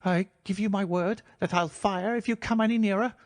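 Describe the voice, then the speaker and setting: A man's voice: high voice, fairly even intonation, brisk, no room sound, studio quality, voice pushed up, natural voice. A man voicing a nervous, frightened fat older man with a reedy, quivering voice. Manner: anxious, pleading.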